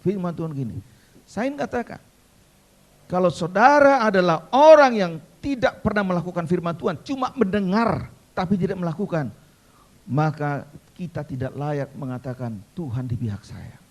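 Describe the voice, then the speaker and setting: A man preaching an animated sermon, calling out to his congregation as their pastor. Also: high-pitched, moderate pace.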